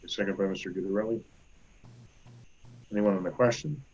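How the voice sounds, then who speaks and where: Deep-voiced man chairing a video meeting. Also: a little mellow, breathy edge, muffled recording. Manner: brisk procedural, with filler-laden explanations. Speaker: town supervisor chairing the board. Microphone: video call.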